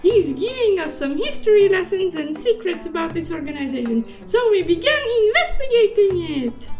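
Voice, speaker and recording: A woman voicing a silly, excitable cute cartoon unicorn who narrates a comic story recap in a playful, exclaiming, mock-dramatic manner. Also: very high-pitched, moderate pace, faint music behind. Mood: playful storytelling.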